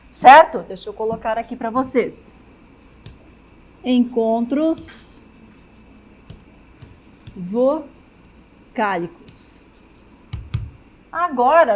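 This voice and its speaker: A woman teacher with a Brazilian Portuguese accent giving a grammar lecture at the chalkboard, often stopping to check that students follow. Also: high-pitched. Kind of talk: classroom lecture.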